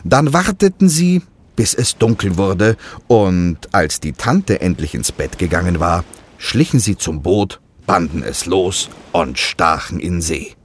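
Husky male reader for a children's story, slow and very expressive. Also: sits low. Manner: expressive, sing-song storytelling. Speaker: narrator.

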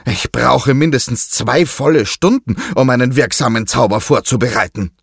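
A man voicing a calm island sorcerer who takes charge in a children's audio story. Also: mid-range voice, moderate pace, gravelly, slightly rough, dry recording, clean studio sound, voice pushed up. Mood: serious.

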